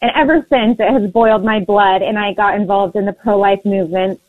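A woman's voice: medium pitch, steady tone, a little fast, dry recording. An impassioned woman caller speaks earnestly into a call-in radio show. Her voice comes through a tinny phone line. The sound is dry and close, with no room around it. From Maine, USA.

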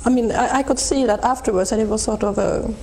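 A middle-aged woman from Sweden with a Swedish accent, speaking English as a guest in an interview, reflective and thoughtful, with frequent restarts and soft laughs. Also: on the high side, fast, slight background noise, low-quality recording. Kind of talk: reflective personal testimony.

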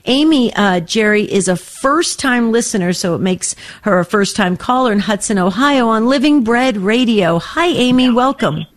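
A woman's voice: a little high, expressive, moderate pace, hardly any pauses. A woman hosting a call-in radio show, chatty and encouraging with guests and callers. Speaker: radio host.

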